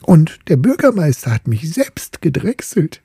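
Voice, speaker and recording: A man's voice: big pitch swings, unhurried, mellow, breathy edge, no room sound, clean studio sound, exaggerated voice. Man doing an eager, boastful spinning-top suitor. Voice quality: high, pushed-up storybook voice. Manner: earnest and self-praising. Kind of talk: fairy-tale reading.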